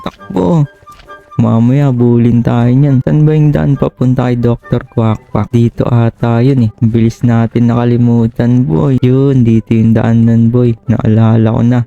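A man giving chatty, excitable Minecraft let's-play commentary, often calling out to his viewers. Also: mid-range voice, a little slow, creaky, few pauses. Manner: chatty, keeps saying "boy" and "tara, tara", excitable. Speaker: gaming YouTuber. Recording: slightly dull lo-fi voice with game music behind.

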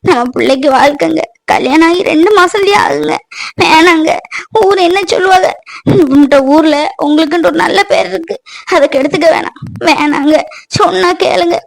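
Woman voicing a firm cartoon mother, gravelly. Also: extremely high pitch, moderate pace, poor audio. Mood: pleading. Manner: firm, reproachful. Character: stern, firm middle-aged mother of grown sons. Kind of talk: family drama cartoon voice acting.

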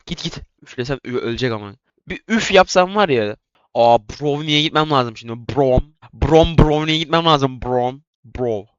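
A young man commentating his own gameplay in a casual way, excitable and trash-talking, jumping from yelling to muttering. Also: medium pitch, clean tone, dry recording, muffled recording. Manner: excitable, yelling and trash-talking, quick swings from loud to mumbling. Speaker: gaming YouTuber.

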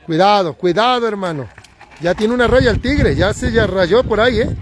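Outdoors on a hillside race course, a man with a Mexican accent livestreams excitable commentary from a handheld phone, repeating warnings and catchphrases. His voice sits high at a normal pace, and the background is noisy.

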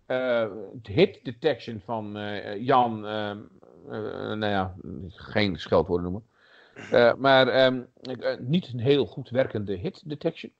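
A man's voice: fairly low pitch, slow. Male podcast co-host, casual and rambling, muffled lo-fi audio. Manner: rambling, many fillers and restarts. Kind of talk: casual chat about retro games.

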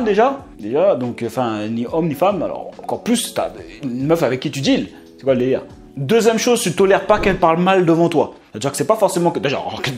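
Animated young man giving streetwise dating advice. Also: high-pitched. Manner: animated, streetwise, slangy and joking. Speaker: dating advice video host. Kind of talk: casual storytelling advice talk.

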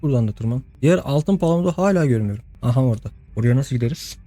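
A man's voice: medium pitch, lively intonation, rapid-fire, dark tone, faint music behind. A young man giving casual let's-play commentary, chatting to the game's characters and laughing often. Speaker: gameplay host.

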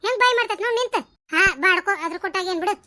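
Casting: gossipy village aunties, North Karnataka Kannada, very high, bright and rapid. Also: female voice. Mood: teasing. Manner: bossy, teasing, gossipy. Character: chatty, teasing village women at a wedding. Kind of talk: cartoon voice acting.

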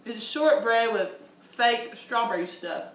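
A woman's voice: fairly high pitch, lively intonation, slow. A middle-aged mother talking with her mouth full of cookie, making dry, teasing remarks in a home kitchen. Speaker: mom on a family food-review show. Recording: echoey kitchen, far mic, noisy.

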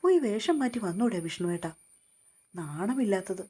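A woman's voice: mid-range voice, expressive, mellow, breathy edge. A woman voicing a sassy, stubborn young woman of about twenty who pouts and protests in a storybook reading. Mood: indignant. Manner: pouty, teasing, quick to protest.

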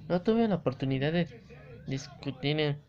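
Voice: medium pitch, animated, moderate pace, natural voice. Un jugador que lee en voz baja y vacilante los diálogos de una chica adolescente tímida y angustiada de un videojuego, en una grabación apagada de baja calidad. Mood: timid pleading. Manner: soft, hesitant, repeats words. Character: shy anxious teenage girl, apologetic. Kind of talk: reading game dialogue aloud. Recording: dull lo-fi recording.

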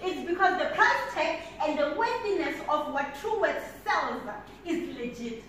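In a large indoor conference hall, a South African woman in her twenties gives a motivational keynote, moving about the floor and gesturing, repeating points emphatically like a preacher. Her voice is high, animated, a bit bright, and measured in pace. A distant camera picks up her handheld mic, so the sound is echoey and far off with background noise.

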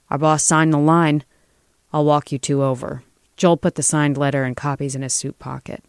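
A woman reading a thriller short story aloud in a measured, dramatic way. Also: sits low, smooth, dry recording, clean studio sound. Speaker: story reader. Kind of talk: audiobook narration.

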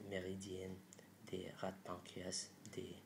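A man in his thirties with a foreign accent in French, a non-native speaker giving a halting instructional presentation, searching for words. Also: low voice, monotone, creaky, background noise. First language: not French. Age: 30s. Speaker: doctor presenting an acupuncture method. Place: small room indoors.

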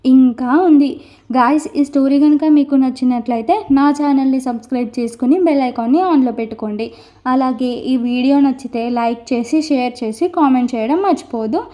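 A woman narrates a romantic story in the first person, with emotive, scripted delivery. Her voice is high and bright. The recording sounds dull and lo-fi. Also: moderate pace.

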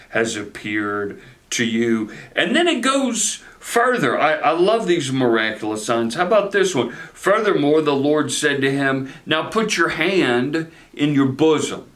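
A man in his forties, a pastor preaching a sermon from a chair in a study, animated and gesturing, often repeating words as he starts a phrase. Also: medium pitch, a little slow. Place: study with bookshelves, indoors.

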